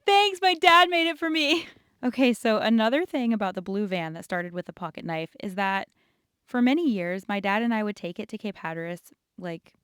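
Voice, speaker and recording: A woman's voice: mid-range voice, clean tone, no room sound, studio quality. A young woman casually telling rambling childhood stories while sketching, laughing often. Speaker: art channel host.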